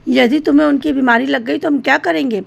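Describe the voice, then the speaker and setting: A woman's voice: high voice, fairly quick, creaky. A woman voicing an irritable, impatient mother in a storybook tale, scolding her son sharply. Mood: irritated.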